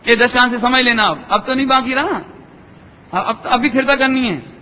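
High-voiced male preacher, animated storyteller. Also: normal speed. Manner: storytelling, checks understanding with rhetorical questions; acts out voices in anecdotes. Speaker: Jain scholar giving a discourse. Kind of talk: sermon with parables. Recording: dull, echoey lecture hall.

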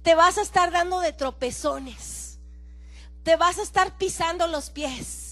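A woman pastor giving a lively, playful sermon in a church, acting out little scenes and sometimes shouting in mimicry. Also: very high voice, unhurried. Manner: animated, playful, acts out dialogue and shouts in mimicry.

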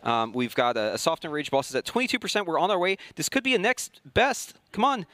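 A man's voice: fairly high pitch, very animated, fairly quick, sharp tone. A man giving live raid commentary as a caster, urgent and hyping each push. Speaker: esports caster.

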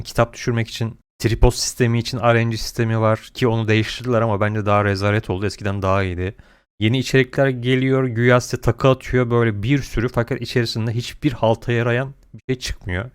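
Male gaming creator, mid-pitched and clean-toned, blunt and opinionated, slangy complaints. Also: clean tone. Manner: blunt, complaining, uses slang and mild swearing.

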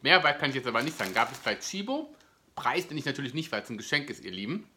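Male food reviewer, thirties: enthusiastic and chatty, very animated pitch, indoor recording with faint noise. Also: fast. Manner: enthusiastic, gushing. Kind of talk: casual chat to viewers. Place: indoor living room, seated on a sofa. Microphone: camera or phone at about arm's length.

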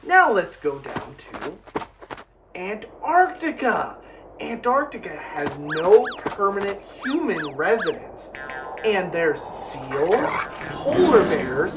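A woman teaching a lesson for young children, slowly repeating each key word in a sing-song way. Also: on the low side, far from the mic, noisy background. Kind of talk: educational lesson for young kids. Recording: music playing behind the voice.

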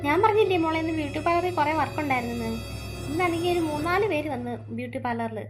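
Woman doing a brisk chatty cartoon mother. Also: high voice, expressive, over music. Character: busy mother who runs a beauty parlour, chatty.

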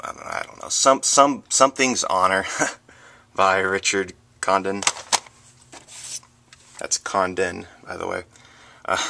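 A male book vlogger with a deep, gravelly yet bright and forceful voice presents his collection item by item on a home video, talking casually and hesitantly. He sits close behind a handheld camera, and the noisy audio picks up handling clicks.

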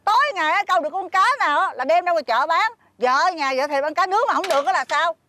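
An actress playing a greedy, nagging old fisherman's wife who talks in a shrill, scolding way. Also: fast, bright, forceful tone, slight background noise. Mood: complaining.

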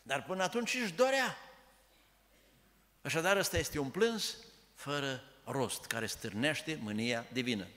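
A man's voice: mid-range voice, animated, a bit bright. A man preaching a sermon in a church, emphatic and full of rhetorical questions. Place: church sanctuary. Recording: echoey church hall.

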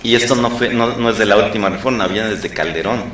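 A man's voice: on the low side, brisk, a bit bright, slight background noise. A man with a Mexican accent in the audience, jumping in to explain assertively. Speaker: audience member. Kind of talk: casual discussion. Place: lecture room. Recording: echoey room.

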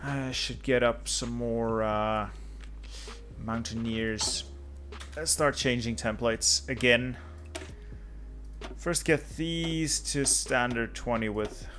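A young man from Flanders, Dutch being his first language, streams a strategy game and talks casually with viewers, muttering dryly to himself. His medium-pitched, slightly bright voice takes things slowly with frequent pauses, and a little hiss or hum is audible. Faint music plays underneath.

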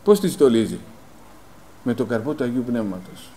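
A man preaching a sermon in a plain conversational tone, asking rhetorical questions, filling pauses with "eh" and calling the congregation brothers. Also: mid-range voice, very animated, mellow, a little hiss or hum, rough recording. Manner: rhetorical questions answered himself, frequent "eh" fillers; personal anecdotes told in plain conversational tone. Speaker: lay preacher.

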